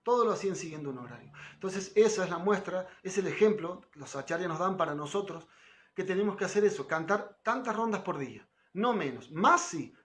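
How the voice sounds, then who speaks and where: A man's voice: sits high, expressive, brisk, fairly bright tone. A middle-aged man giving an informal devotional class, talking conversationally and often checking in with his listeners. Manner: conversational, frequent tag questions, quotes others with lifted voice. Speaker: spiritual teacher giving a class.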